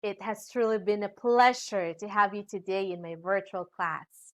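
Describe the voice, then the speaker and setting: A woman's voice: medium pitch, normal speed. A woman teacher, giving a scripted virtual lesson in an upbeat way and stressing key words in a sing-song manner. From Philippines. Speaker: English teacher.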